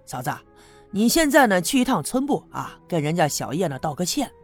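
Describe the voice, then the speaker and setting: A man's voice: sits high, big pitch swings, a little fast, faint music behind. A man doing a sly, coaxing village schemer. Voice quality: coaxing, wheedling.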